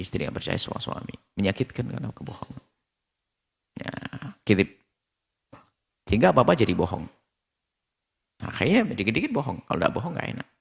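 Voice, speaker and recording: A man preaching a sermon, quoting Arabic sayings and translating them, acting out little scenes in a lively storytelling manner. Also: vocal fry, husky. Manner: animated storytelling, acts out characters with sharp pitch jumps; quotes Arabic hadith then translates. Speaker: Islamic preacher. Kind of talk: sermon with acted-out anecdotes.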